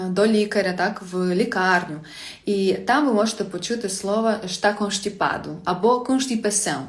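Chatty woman teacher in an echoey room. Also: medium pitch. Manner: chatty, laughs often, reads viewer comments. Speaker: Portuguese language teacher. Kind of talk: casual live-stream lesson.

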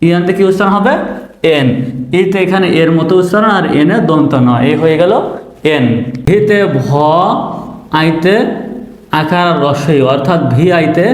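A man's voice: on the high side, roomy sound. A man teaching a lesson, explaining step by step and spelling words out letter by letter. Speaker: English teacher. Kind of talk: classroom lesson.

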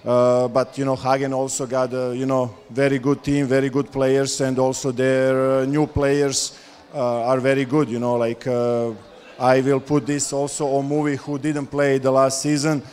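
Halting man with hall reverb. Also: mid-range voice, completely flat delivery, darkish tone. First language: Serbian. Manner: halting, many fillers. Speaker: visiting basketball coach. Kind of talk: postgame press talk. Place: stage in a large dark hall. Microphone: handheld mic.

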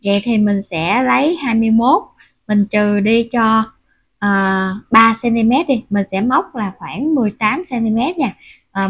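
A woman's voice: fairly high pitch, slight background noise. A woman teaching a crochet tutorial step by step, patiently counting stitches aloud with frequent filler sounds. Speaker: crochet instructor. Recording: dull, muffled lo-fi audio.

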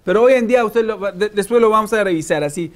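Emphatic high-voiced male lecturer. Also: quick pace. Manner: emphatic, addresses listeners directly with questions. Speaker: religious lecturer. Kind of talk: recorded class lecture.

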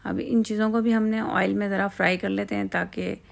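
A woman's voice: medium pitch, little pitch movement, a little fast, vocal fry. A woman hosting a home cooking channel, explaining each step in a chatty, casual way with frequent fillers, cooking outdoors at night.

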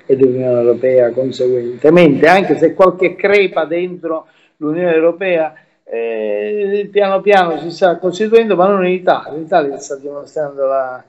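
Interview guest, male, halting delivery full of fillers, warm low-toned timbre, muffled remote audio. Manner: halting, repeats words, many fillers.

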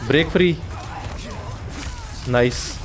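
A man giving live gameplay commentary, swinging from casual chat to panicked yelling during fights. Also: a little high, drawn-out words, very noisy. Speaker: gaming streamer.

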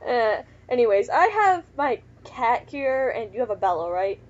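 A woman's voice: fairly high pitch, sing-song, moderate pace, dull audio. A young woman hosting a let's play, chatting casually and exclaiming in alarm at the game. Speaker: let's play host, player. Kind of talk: casual gaming commentary.

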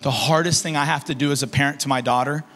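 A fast-speaking young pastor keeps a steady tone while preaching an energetic sermon at a youth conference, moving and gesturing across a large stage with a handheld mic. He shifts between shouted emphasis and quiet asides in a reverberant concert hall with faint music.

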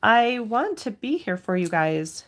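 A woman's voice: mid-range voice, big pitch swings, unhurried, slight background noise. A middle-aged woman with a cold, giving a casual craft demonstration to viewers as the host at home. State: has a cold, occasional cough. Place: indoors at a home craft table.

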